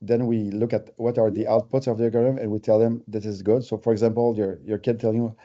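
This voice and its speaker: Speaking fast in a level tone, this fairly low-voiced man presents a webinar for his company with a French Canadian accent. The audio is dull, and his explanations stay conversational and grounded in everyday examples.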